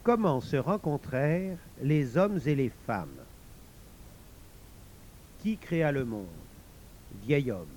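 A man narrates a folk tale in a slightly high voice. His pace is slow and deliberate, with a scripted, storybook delivery. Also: warm tone, a little hiss or hum.

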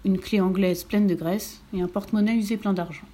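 A woman reading a children's story aloud in a lively, playful way, speaking to her listeners. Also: medium pitch, a little fast.

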